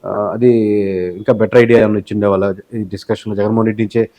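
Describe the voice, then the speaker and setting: This man speaks with a Telugu accent in a fairly low, level voice that's mellow and very fast, with a slight hiss or hum in the audio. As a political analyst and head of an election survey company, he gives explanatory interview answers as a guest, blending in English words and phrases. He comes from Telugu-speaking southern India.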